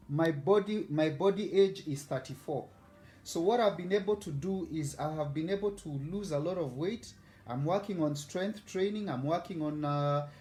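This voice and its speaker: A man's voice: fairly high pitch, a little mellow, echoey room. A man in his forties with a Kenyan accent, hosting a casual live cooking vlog in a chatty, boastful way and greeting viewers by name. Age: 40s. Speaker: host.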